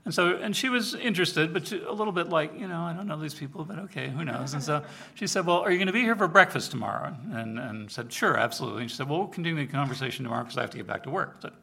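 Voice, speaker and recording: A man's fairly high, slightly rough voice races along with vocal fry as he preaches. The preacher, who oversees church outreach, addresses his congregation informally, animatedly sharing personal stories and voicing the dialogue himself.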